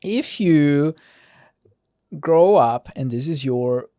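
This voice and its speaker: A man's voice: on the high side, lively intonation, drawn-out words, mellow, dry recording, studio quality. A man hosting a podcast, reading Bible verses plainly and breaking off into casual commentary, sometimes stumbling and restarting while he explains. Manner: reads verses plainly, breaks off with asides and chuckles. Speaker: podcast host reading scripture.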